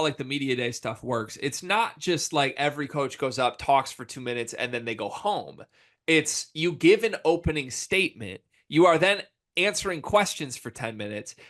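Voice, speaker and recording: A man with an American accent and a slightly higher-than-average voice hosts casual sports talk. He speaks emphatically, leaning on slang and exaggeration as he makes his points. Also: a bit bright. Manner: emphatic, informal slang with hyperbole. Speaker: sports podcast host.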